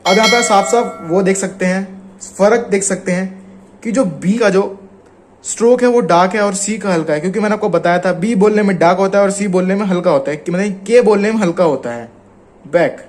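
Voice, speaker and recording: A man with an Indian Hindi accent gives a casual spoken lesson. His voice sits fairly high for a man, and he explains patiently, drawing out the example words. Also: fairly quick. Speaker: shorthand teacher.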